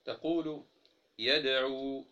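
Bright-voiced student reading haltingly. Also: male voice, medium pitch, steady tone. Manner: reads haltingly, phrase by phrase. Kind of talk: reading a grammar text aloud. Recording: dull lo-fi recording.

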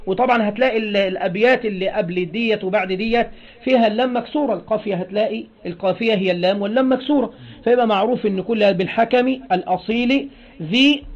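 A man's voice: high-pitched, fast. A man with an Egyptian accent teaching a classroom grammar lesson, repeating phrases and prompting his students with questions. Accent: Egyptian Arabic. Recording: dull lo-fi classroom recording.

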